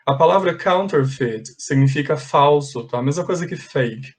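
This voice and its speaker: A man's voice: on the high side, animated, normal speed. A man teaching an English class online, patiently correcting exercises step by step and slipping in English phrases.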